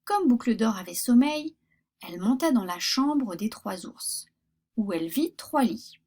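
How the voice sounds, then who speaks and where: A woman reading a children's fairy tale aloud, expressive with pauses. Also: on the high side. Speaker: storyteller.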